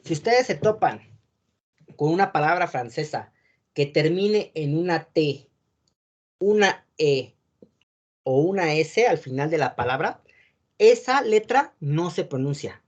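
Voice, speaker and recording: A man teaching an online wine course over a video call, explaining patiently and often checking in with quick tag questions. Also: on the high side, expressive, highs cut off. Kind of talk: online class lecture.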